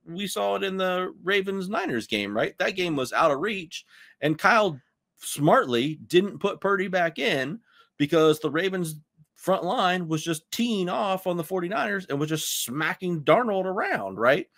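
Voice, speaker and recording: A man's voice: sits high, expressive, a little slow, vocal fry, a bit bright, no room sound, studio quality. A man co-hosting a casual sports podcast, rambling and ranting with heavy use of "like". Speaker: podcast co-host.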